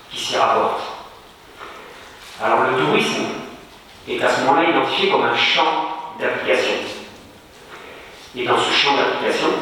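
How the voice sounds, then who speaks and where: A male university lecturer giving an academic talk to students, measured and explanatory, slowing down on key terms. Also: medium pitch, pushed and bright, slight background noise. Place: lecture hall. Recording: echoey hall recorded from far off.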